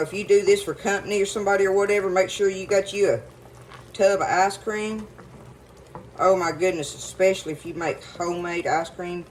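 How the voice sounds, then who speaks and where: A woman with a lowish voice hosts a casual cooking video in her home kitchen, chatting in a folksy way and rambling into stories while she cooks. The recording is rough, with slight background noise.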